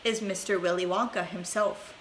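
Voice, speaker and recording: A woman voicing a calm, kindly old grandfather who speaks reassuringly. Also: on the low side, moderate pace, lightly acted. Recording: roomy echo, faint hiss.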